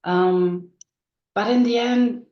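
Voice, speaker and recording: Her voice medium-pitched and slow, a middle-aged German-accented woman from northern Germany talks as a guest in a casual interview. She is a business coach who thinks aloud, full of ums and restarts, in an echoey, dull-sounding room.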